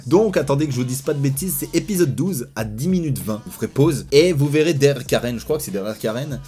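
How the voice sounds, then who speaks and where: A young man reviewing a TV series in a casual video, frank and enthusiastic, swinging between excited outbursts and low asides. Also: fast, soft background music.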